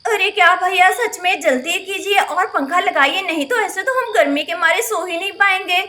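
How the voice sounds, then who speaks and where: An impatient, lively village girl, as a woman puts her on in a doll-play story. She speaks in a very high, bright voice and keeps pressing the others to hurry. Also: normal speed, a little hiss or hum. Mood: urging. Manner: pushy, urging.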